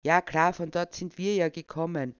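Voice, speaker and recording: A man's voice: on the high side, fairly even intonation, moderate pace, smooth, no echo, muffled recording, natural voice. A man voicing a hefty, brusque pig-farming councilman, impatient and dismissive.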